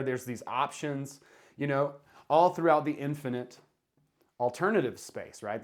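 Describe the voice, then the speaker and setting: A man with a Southern US accent and a drawl, explaining ideas in a casual, conversational video talk, leaning on key points. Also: a little high. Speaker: self-help video creator.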